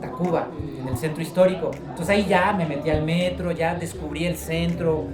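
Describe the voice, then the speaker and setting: A man from Guadalajara with a Mexican accent, an author talking about his work in a relaxed, joking way at a book presentation. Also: a little high, normal speed, echoey room, distant mic, crowd noise. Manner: relaxed, storytelling, joking asides. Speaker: author being interviewed.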